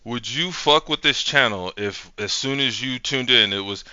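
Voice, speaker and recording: A man's voice: mid-range voice, moderate pace, pushed and bright, clean tone, no room sound, dull audio, soft background music. A man hosting his own channel, chatting casually in a loose, profane, rambling way. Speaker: channel host. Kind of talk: casual chat.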